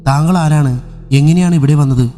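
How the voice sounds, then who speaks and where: A man's voice: on the high side, moderate pace, soft background music, close to an everyday voice. A man doing a desperate, frightened grandfather. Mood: pleading. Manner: shouting, pleading.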